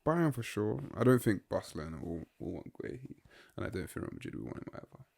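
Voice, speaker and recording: Picture a young man in his twenties, slightly low-pitched, talking football with his co-host in a loose, easygoing way. He rambles through his opinions and fills the gaps with "like" and "um" as he thinks out loud. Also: fast, creaky, husky. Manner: relaxed, rambling, filler-heavy opinions. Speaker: podcast co-host. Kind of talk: casual football chat.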